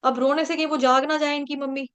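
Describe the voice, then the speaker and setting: High-pitched woman scripture teacher, storytelling class voice that breaks into slow chanted Sanskrit verses. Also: little pitch movement, a bit bright.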